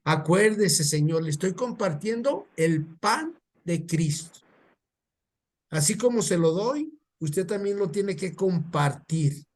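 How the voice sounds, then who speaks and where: A devout, generous Mexican woman speaks earnestly and gently scolds, as a male preacher voices her. The voice stays fairly high. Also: expressive, takes it slowly, exaggerated voice.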